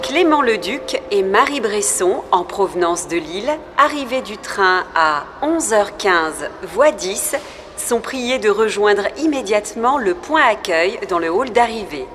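A woman reads public announcements in a clear, measured manner. Her voice sits at an ordinary middle pitch. A faint hiss of ambient noise runs under her. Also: expressive, a bit bright. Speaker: station and airport announcer.

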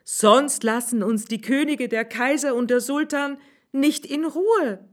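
A woman's voice: high-pitched, measured pace, pitched above the performer's own voice. A woman reading a storybook aloud, voicing a clever male swineherd who explains his plan eagerly.

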